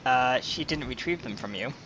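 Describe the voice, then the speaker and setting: A man running a tabletop game, narrating scenes in a halting, conversational way as he improvises. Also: mid-range voice, expressive, noisy background. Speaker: game master.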